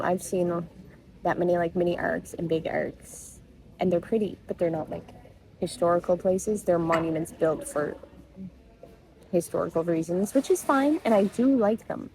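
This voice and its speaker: A woman's voice: lowish voice, dark tone, slight background noise, rough recording. A young woman from Labrador, Canada, chatting casually in a travel vlog, rambling and self-deprecating, hot and tired. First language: English. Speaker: travel vlogger.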